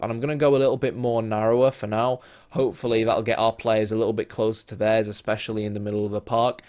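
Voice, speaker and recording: Losing his voice, a man with a fairly low pitch plays a football management game as a gaming YouTuber. He thinks out loud casually, peppering his talk with fillers and occasional excited play-by-play bursts.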